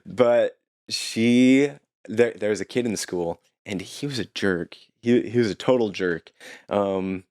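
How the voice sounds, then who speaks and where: A young man from Utah, a podcast guest, telling stories in a relaxed casual chat and chuckling often. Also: lowish voice, measured pace. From Utah, United States.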